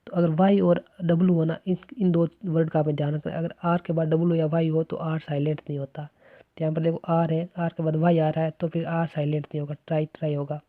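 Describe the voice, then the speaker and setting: Flat-voiced teacher on a tinny recording. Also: medium pitch, brisk, no room sound. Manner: explains step by step with repeated "है ना" checks. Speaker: English teacher. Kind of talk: explaining a phonetics lesson. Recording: dry, tinny phone-like recording.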